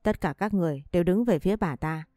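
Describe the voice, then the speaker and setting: A woman's voice: on the low side, fast, dark tone, dry recording, clean studio sound, close to an everyday voice. A woman voicing a furious, grieving second wife who bites out each word with bitterness.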